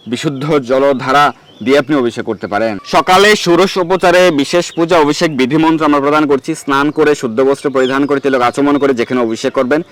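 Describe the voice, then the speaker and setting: Man walking you thru a puja step by step, calm and even, smooth voice, mid pitch. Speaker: religious instructor. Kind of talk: devotional instruction with recited mantras.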